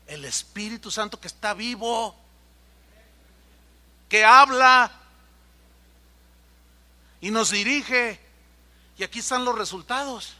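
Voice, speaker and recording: A man preaching a sermon as pastor, acting out quoted conversations in an animated way. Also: very high-pitched. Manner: animated, acts out dialogue in quoted voices.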